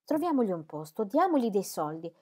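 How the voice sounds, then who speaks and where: A woman reading the lines of an impatient, indignant gentleman in an audiobook, in a pressing, earnest way. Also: mid-range voice, very animated, brisk.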